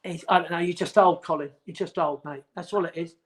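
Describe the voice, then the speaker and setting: A man's voice: on the high side, fairly even intonation, fairly quick, a bit bright. A man in his forties hosting a casual livestream chat from home, rambling and teasing. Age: 40s. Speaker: host.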